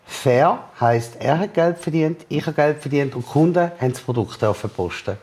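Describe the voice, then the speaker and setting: An entrepreneur with a Swiss German accent tells a story in an interview with lively energy, acting out other people's lines as quoted dialogue. His pitch is fairly high and his speed normal.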